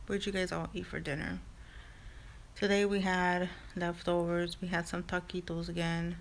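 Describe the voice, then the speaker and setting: A woman's voice: lowish voice, level tone, normal speed, a little hiss or hum. A woman with a Mid-Atlantic US accent hosting an eating video, chatting in a laid-back, sassy way. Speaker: mukbang host. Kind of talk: casual mukbang chat.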